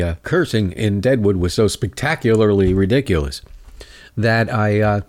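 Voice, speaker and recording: A man's voice: lowish voice, a little mellow. A man hosting a comedy show, rambling casually with swearing, chuckles and lots of filler.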